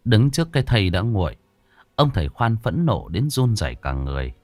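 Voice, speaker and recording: A man's voice: fairly low pitch, big pitch swings, fairly quick, darkish tone, no echo. A man narrating a ghost story with dramatic, varied storytelling delivery.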